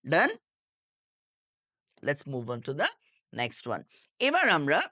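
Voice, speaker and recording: A man's voice: a little high, fairly bright tone, clean studio sound. A man teaching English pronunciation, repeating each letter patiently for learners to echo, with a Bangladeshi accent. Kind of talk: pronunciation lesson, slow drilled repetition.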